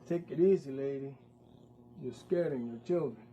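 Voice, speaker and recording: A man's voice: mid-range voice, normal speed, mellow, dull audio, slight background noise, close to an everyday voice. A man playing a blunt, wisecracking male taxi driver. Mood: wry.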